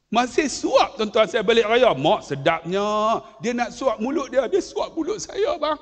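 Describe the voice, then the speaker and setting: A man preaching to an audience, telling a family story and acting out its voices, moving between loud and hushed. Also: very high voice, sing-song, unhurried. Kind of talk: storytelling religious talk. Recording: long hall reverb.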